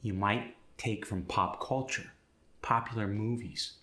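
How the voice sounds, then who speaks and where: Low, bright-voiced man teaching in a roomy space. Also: fairly even intonation, unhurried. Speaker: accent instructor. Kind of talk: instructional scripted narration. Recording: roomy echo.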